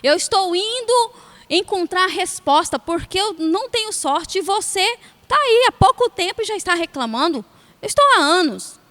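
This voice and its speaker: A woman's voice: very high voice, big pitch swings, normal speed, a bit bright, heavily acted. Woman voicing a grumbling unlucky man. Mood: impatient. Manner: indignant, impatient complaining. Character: frustrated complaining unlucky grown man.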